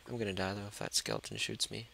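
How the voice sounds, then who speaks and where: A man's voice: fairly low pitch, very animated, fast talker, vocal fry, a little hiss or hum. A man doing gameplay commentary, talking to himself and the monsters and dropping to a whisper when scared. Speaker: let's play host. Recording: loud mouse clicking over the voice.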